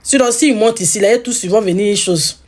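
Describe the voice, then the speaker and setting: Her voice is medium in pitch, a little mellow, and brisk. This Ivorian woman runs a live stream where she playfully scolds and teases her audience, circling back to the same phrases repeatedly.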